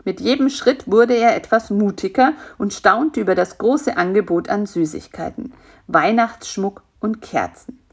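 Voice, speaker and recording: A woman narrating a children's storybook in an even, gentle reading voice. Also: mid-range voice, a little slow, husky.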